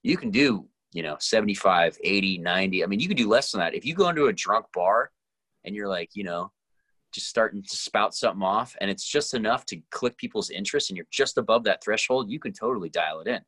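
A man's voice: lowish voice, expressive, brisk, a bit bright, breathy edge, dry recording. A man co-hosting a casual podcast, talking in loose, rambling stretches. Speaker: podcast co-host. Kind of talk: casual chat.

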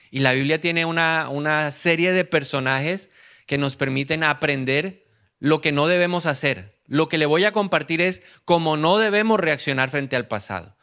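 A man preaching with a bright, forceful voice sitting a little higher than most men. He repeats key words for emphasis and keeps asking the congregation questions for them to answer. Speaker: pastor. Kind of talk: sermon.

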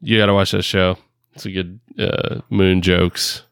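A man's voice: deep voice, level tone, unhurried, fairly bright tone, clean tone, no room sound, clean studio sound. A man hosting a casual podcast chat, rambling with lots of fillers and frequent laughs, hamming up a New York accent. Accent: put-on New York. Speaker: podcast host. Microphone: headphones and home podcast rig.

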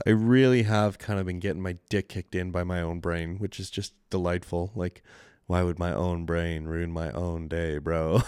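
A Canadian-accented man hosts his own solo podcast, rambling in self-deprecating casual chat and swearing a lot. His voice is low, smooth and a little mellow, captured dry and at studio quality on a studio mic with a mixer.

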